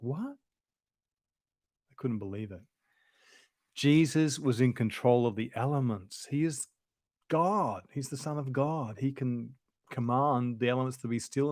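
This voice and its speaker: Male Bible teacher, mid-pitched, conversational and explanatory, close dry sound. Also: a little mellow, no echo. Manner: informal, explanatory, thinks aloud. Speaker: Bible lesson presenter.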